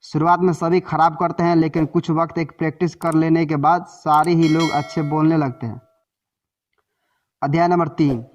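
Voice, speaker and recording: Male book-summary narrator, higher pitch, explanatory, slightly dull lo-fi sound. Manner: explanatory, with self-corrections.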